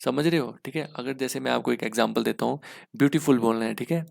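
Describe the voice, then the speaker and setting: A man teaching English for an exam in a mix, explaining step by step with rhetorical questions and spelling words out slowly. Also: mid-range voice, creaky, a little mellow. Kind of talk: exam-prep lesson in Hindi-English mix.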